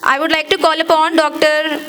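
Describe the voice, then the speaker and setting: A woman's voice: high-pitched, monotone, brisk, sharp tone. A woman hosting a college ceremony, politely calling people forward by name. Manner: polite, calls names one by one. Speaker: ceremony host. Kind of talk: formal event announcing.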